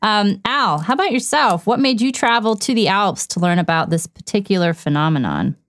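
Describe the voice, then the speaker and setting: A woman hosting an interview podcast, asking questions in a lively, upbeat way. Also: medium pitch, fairly quick, dry recording. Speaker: podcast host. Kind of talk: casual interview.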